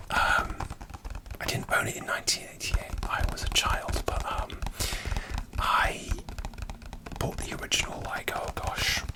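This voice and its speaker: A middle-aged ASMR creator speaking entirely in a breathy, unvoiced whisper, softly chatting in an informal way. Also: low-quality recording.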